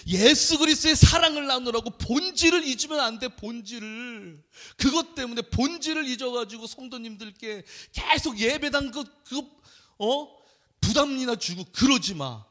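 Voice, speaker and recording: A man's voice: extremely high pitch, lively intonation, normal speed, fairly bright tone, pitched above the performer's own voice. A male preacher quoting an insistent older male professor who earnestly repeats his point.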